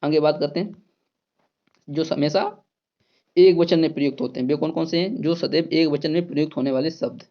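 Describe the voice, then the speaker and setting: A man's voice: on the high side, fairly even intonation, brisk, long pauses, dull audio. A man teaching an exam-prep grammar lesson, repeating key words and asking and answering his own questions.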